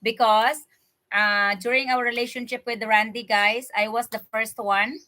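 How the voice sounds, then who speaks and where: Here the Philippine livestream host speaks fairly high, with a pushed, bright quality and fairly even intonation at normal speed. She has a Filipino accent and chats casually with viewers over a meal, laughing frequently, into her computer's webcam mic.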